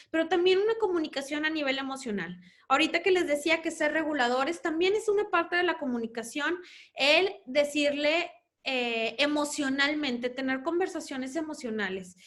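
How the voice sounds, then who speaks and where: An adult woman with a Mexican Spanish accent and a high, fairly bright voice talks to parents about family life. Speaking as a mother herself, she explains her points and acts out what children say at home.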